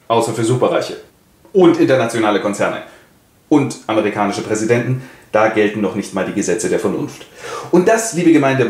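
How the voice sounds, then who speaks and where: A man retelling a classic play as a comedic narrator and host, wry and lively. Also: mid-range voice. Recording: roomy echo.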